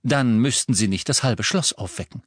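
A man's voice: medium pitch, normal speed, no room sound, studio quality, lightly acted. A man reading an audiobook voices a stern, dignified older female teacher with formal, cutting politeness. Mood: coolly sarcastic.

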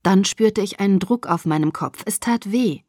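A woman reading a first-person novel aloud in an expressive, dramatic way. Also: medium pitch, moderate pace, dry recording, clean studio sound. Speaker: audiobook reader.

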